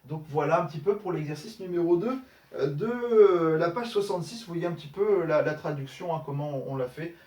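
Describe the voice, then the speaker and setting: A man's voice: a little high, brisk, a little mellow, recorded from a distance. Man teaching grammar with many fillers. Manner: explanatory, many fillers, checks understanding with "d'accord?". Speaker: Arabic teacher. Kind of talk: recorded grammar lesson correcting exercises. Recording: echoey room, voice somewhat off-mic.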